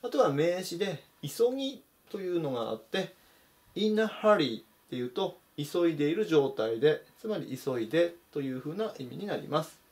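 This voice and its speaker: A man's voice: a little high, very animated, moderate pace, a little mellow. A man teaching English vocabulary to Japanese learners, methodically explaining meanings and pointing out pronunciation.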